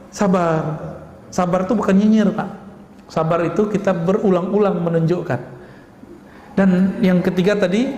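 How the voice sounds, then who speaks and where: A man preaching a lively sermon and asking the audience questions, now and then acting out scolding voices. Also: high-pitched, a little hiss or hum. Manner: animated, acts out scolding voices, laughs. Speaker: Islamic preacher. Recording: echoey hall recording with ambience.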